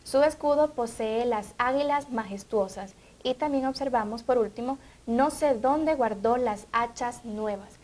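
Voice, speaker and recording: A woman's voice: a little high, unhurried, hardly any pauses, darkish tone. A woman with a Honduran Spanish accent, co-hosting an educational TV show, who reads out viewers' questions in an announcing tone. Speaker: TV co-host. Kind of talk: educational TV talk.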